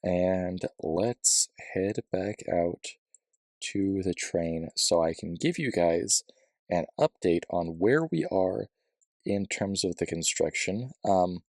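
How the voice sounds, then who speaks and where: A man's voice: deep voice, takes it slowly, darkish tone, no echo, clean studio sound. A man hosting a let's play, chatting casually about his build with a rambling, self-deprecating manner and lots of fillers. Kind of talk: casual gameplay commentary.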